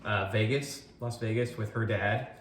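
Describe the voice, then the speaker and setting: A man's voice: fairly low pitch, fairly even intonation, moderate pace. A man in his twenties co-hosting a casual chat, telling stories in a laid-back, rambling way. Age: 20s. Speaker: vlog co-host. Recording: roomy echo, faint music behind. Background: faint background music.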